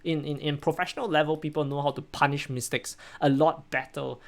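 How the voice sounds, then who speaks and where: A young Singaporean man with a Singaporean English accent casually breaks down a game replay on stream as a streamer and coach. His voice is on the high side and creaky, with fairly even intonation and a fairly quick pace. He rambles, repeats words, and keeps checking in with "right?"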